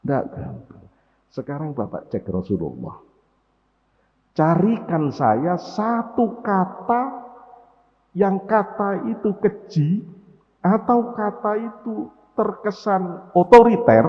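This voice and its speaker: A man's voice: high-pitched, expressive, takes it slowly, pauses often. Preacher guy, morning sermon, big dramatic swings, sounds tinny and echoey. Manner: dramatic storytelling, swings from loud to hushed. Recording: tinny lo-fi, long hall reverb.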